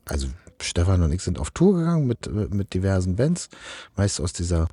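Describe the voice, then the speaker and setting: A man's voice: sits low, sing-song, a little fast, mellow, breathy edge, no room sound. A man from eastern Germany answering interview questions casually, rambling with many fillers and restarts. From East Germany. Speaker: project manager in event lighting.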